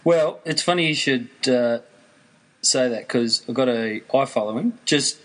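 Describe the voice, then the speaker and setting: A man's voice: mid-range voice, unhurried, fairly bright tone, poor audio. A man with an Australian accent hosting a casual chat, telling stories in a dry, wry way. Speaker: podcast host.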